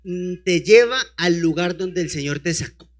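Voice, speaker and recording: A man's voice: sits high, moderate pace. A man preaching a sermon, reading scripture aloud and breaking in with rhetorical questions to the congregation. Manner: calls out to a helper to advance the slides.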